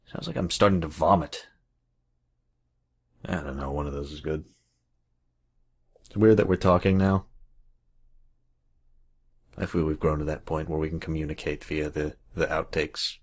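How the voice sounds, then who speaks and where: A man's voice: a bass voice, a little slow, pauses often. A man who is a voice actor, recording game lines and making chatty jokes between takes.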